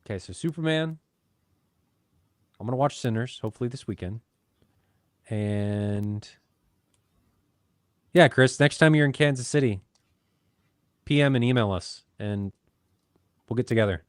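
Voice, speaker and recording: Smooth and medium-pitched, a man co-hosts a casual podcast, speaking a little slowly and pausing often. He's chatty and jokey, with self-deprecating humor, and there's no echo.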